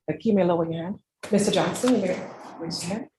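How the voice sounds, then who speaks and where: A woman's voice: lowish voice, fast talker, a little mellow, a little hiss or hum, poor audio. A woman acting as court clerk, reading formal questions and oaths to defendants in a plea hearing.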